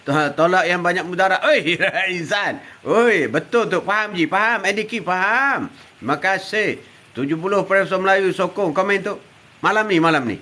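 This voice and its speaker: His voice sits high, with normal speed and a sharp tone. He's an older man with a Malaysian Malay accent hosting a live stream, reading comments in casual chat, greeting viewers by name and teasing them with laughs.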